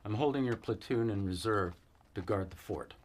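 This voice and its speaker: An actor playing a weary cavalry fort commander in a western film, giving measured, authoritative orders. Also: male voice, fairly low pitch, close to an everyday voice. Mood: stern. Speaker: army post commander.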